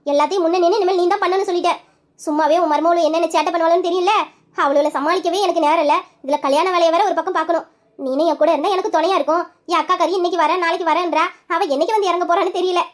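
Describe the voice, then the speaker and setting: A high young voice playing a widowed sister-in-law who consoles a younger woman in a soothing, motherly way. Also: steady tone, racing. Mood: calm, practical.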